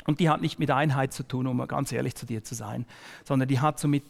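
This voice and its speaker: A male pastor delivering a sermon to his congregation, speaking directly and personally to the listener, often slowing down and dropping almost to a whisper for emphasis. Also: medium pitch, fairly even intonation, gravelly, in a large hall.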